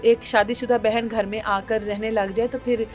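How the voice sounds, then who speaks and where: A woman's voice: fairly high pitch, flat delivery, soft background music. Indignant woman retelling a crime story. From Pakistan. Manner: indignant, moralizing, acts out quotes. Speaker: news show presenter.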